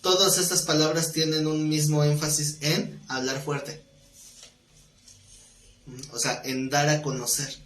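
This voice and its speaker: A man's voice: on the high side, level tone, a little slow, pauses often, fairly bright tone. A man teaching an exegetical Bible study class, explaining passages, reading scripture aloud and putting questions to the class. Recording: roomy echo with faint noise.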